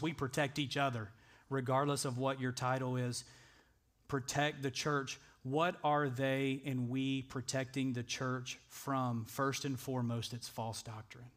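A man's voice: medium pitch, little pitch movement, measured pace. Earnest male pastor preaching a sermon. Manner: earnest, conversational preaching that builds to emphatic peaks. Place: church sanctuary.

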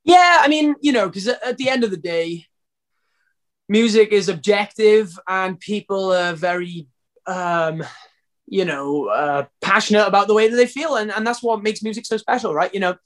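This is a high-voiced singer from Wales, talking informally during an interview at an even, moderate speed. His speech wanders, with frequent false starts and plenty of filler words.

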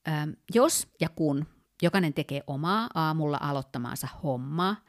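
A low-voiced, animated woman co-hosts a casual podcast. Her explanations are thoughtful and methodical, built around work examples, and sprinkled with fillers and little restarts.

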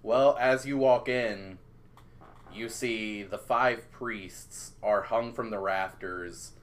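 A man narrating as game master of a tabletop role-playing game, describing scenes in a measured, drawn-out way. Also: lowish voice, fairly even intonation, a little hiss or hum.

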